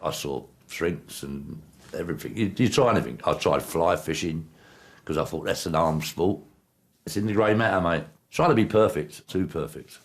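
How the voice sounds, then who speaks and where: A man's voice: sits low, animated, normal speed. A man giving a blunt, matter-of-fact interview about his past. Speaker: interviewee, former player. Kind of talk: candid interview recollection.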